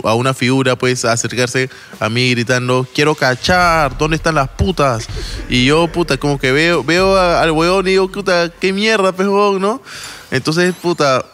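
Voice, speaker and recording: A man's voice: medium pitch, moderate pace, a bit bright, smooth. A man with a Lima Peruvian accent telling a long, rambling story in casual chat, full of slang, swearing and restarts. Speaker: podcast storyteller.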